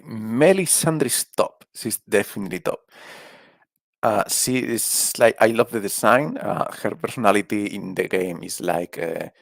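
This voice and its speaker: A man's voice: lowish voice, vocal fry, dry recording. A man from Spain with a Spanish accent, casually rambling through a character tier list and often trailing off mid-thought. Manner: rambling, casual, swears, trails off while thinking. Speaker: video creator ranking game characters.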